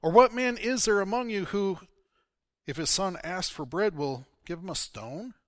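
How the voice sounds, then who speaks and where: A man's voice: sits high, expressive, normal speed, no echo, studio quality. A man from Missouri preaching a sermon, telling a Bible story and acting out its dialogue. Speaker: pastor.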